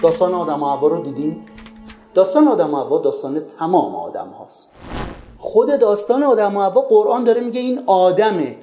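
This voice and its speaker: A man giving a lively talk on raising children, pressing the listener with rhetorical questions. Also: sits high. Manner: asks many rhetorical questions. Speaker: religious parenting speaker. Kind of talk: lively lecture retelling a story. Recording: roomy echo with faint music.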